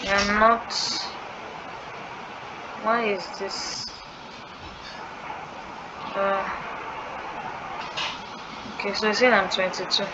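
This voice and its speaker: Pausing for long stretches, this young woman from Nigeria talks extremely slowly while completing an online form on screen. She creates scholarship tutorials, and here she muses uncertainly in a medium, fairly even voice. The recording is dull and lo-fi, and background noise is clearly audible.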